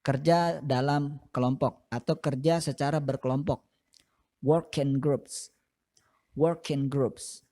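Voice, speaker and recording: Male English teacher with an Indonesian accent, unhurried delivery, mid-range voice, models each phrase twice. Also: mid-range voice, steady tone, dark tone. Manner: repeats each phrase slowly to model pronunciation. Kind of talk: classroom-style language lesson.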